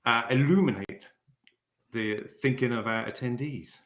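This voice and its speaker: Man hosting an interview, upbeat, mid-pitched, recorded in an echoey room. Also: a little slow, fairly bright tone. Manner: enthusiastic, with some stumbles. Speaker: interview host, conference chair.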